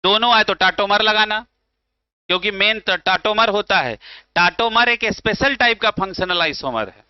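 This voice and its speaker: A man's voice: high-pitched, a little slow, clear, resonant tone, dry recording. A man teaching chemistry in Hindi, with a north Indian accent, putting questions to his students and answering them himself, calling them beta. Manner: calls students beta and bhaiya. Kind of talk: classroom lecture. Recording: slightly dull, dry sound.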